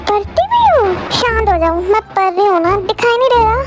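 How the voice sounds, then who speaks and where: A woman's voice: very high voice, lively intonation, a little fast. A woman doing a snappy young student girl. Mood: annoyed. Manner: snapping, irritated. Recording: voice over loud music.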